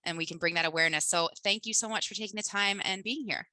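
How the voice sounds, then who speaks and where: A woman's voice: medium pitch, fast talker, sharp tone, no echo. A woman from the United States hosting a podcast interview, enthusiastic and rambling, with lots of fillers. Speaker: podcast host. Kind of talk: conversational interview.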